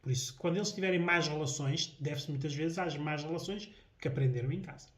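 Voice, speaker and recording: A man's voice: fairly high pitch, a little fast. A man with a European Portuguese accent giving a solo talk on relationships, often hesitating, repeating words and asking "não é?". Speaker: host. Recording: echoey room.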